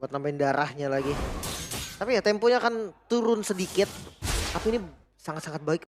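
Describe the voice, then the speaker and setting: A man's voice: sits high, expressive, fairly quick, background noise. A man with an Indonesian accent giving live commentary on an esports match. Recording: music behind the voice. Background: background music.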